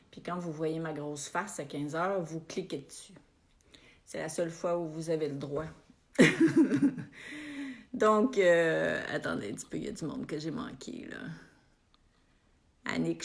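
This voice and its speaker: A woman with a Québécois accent hosting a casual live stream from home, greeting viewers by name with frequent hesitations. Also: low voice. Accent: Québécois French. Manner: unhurried, warm-hearted greetings with frequent euh fillers.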